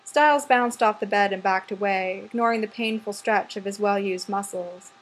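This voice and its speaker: A woman narrating an audiobook in a soft, measured way, often dropping quieter. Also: medium pitch. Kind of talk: scripted narration.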